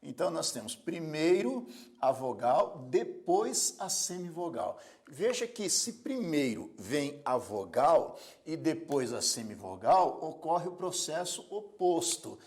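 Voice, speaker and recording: Man teaching grammar with lively intonation. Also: a little high. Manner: slow, explanatory, repeats key terms and asks rhetorical questions; corrects slips aloud. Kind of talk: recorded classroom lesson.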